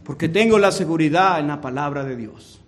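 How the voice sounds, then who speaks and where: Preacher voicing a fervent dying thief. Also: male voice, a little high, a little fast, close to an everyday voice. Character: dying repentant thief, calm and certain.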